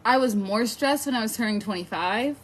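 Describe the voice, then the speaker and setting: A woman's voice: a little high, fairly quick, slight background noise. A woman in her twenties giving a casual, chatty tarot reading on a live stream, swearing freely and talking to her viewers. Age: 20s. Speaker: tarot reader.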